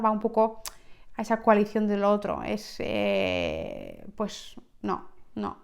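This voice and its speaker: A woman's voice: medium pitch, creaky, darkish tone. A woman with a Spanish accent giving an unscripted self-help monologue as a podcast host, often checking in with "right?" and restarting words. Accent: Spain.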